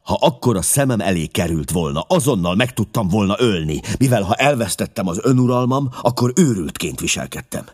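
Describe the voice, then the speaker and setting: Brief: a man with a deep voice and lively intonation, giving a dramatic audiobook reading. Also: few pauses. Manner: expressive, emotional, with sudden drops to a hush. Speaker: audiobook narrator.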